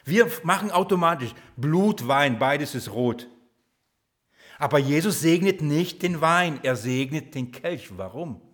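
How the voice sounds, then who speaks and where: Ein Mann, der vor einer Gemeinde predigt, lebhaft und mit Fragen an die Zuhörer, wird für Betonungen oft leise. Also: male voice, on the high side, a little slow. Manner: lively preaching, drops to quiet emphatic lines, asks the congregation questions. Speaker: preacher. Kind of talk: sermon.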